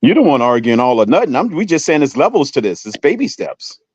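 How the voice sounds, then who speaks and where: A man in a heated sports debate, sarcastic with quick jabs. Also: fairly high pitch, big pitch swings, a little mellow, breathy edge, no room sound, highs cut off. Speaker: panelist.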